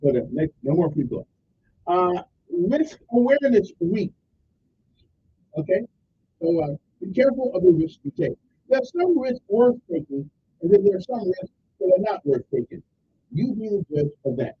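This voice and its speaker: On a lo-fi recording, this radio host speaks at normal speed in an extremely high, husky, creaky voice with huge pitch swings, often pausing. He rambles through the day's observances in a folksy, chatty way, leaning on "okay" and "I'm just saying."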